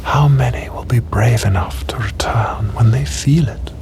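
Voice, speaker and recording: Whispering Voldemort, cruel dark wizard villain played by a man. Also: mid-range voice, measured pace, lightly acted. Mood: cruel, menacing. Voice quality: whispery, breathy.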